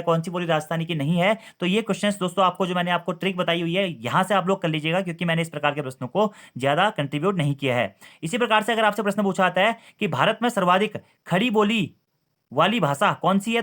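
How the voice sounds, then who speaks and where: A man's voice: high voice, a bit bright. A man teaching an exam-prep lesson, asking questions and repeating the key answers to his listeners.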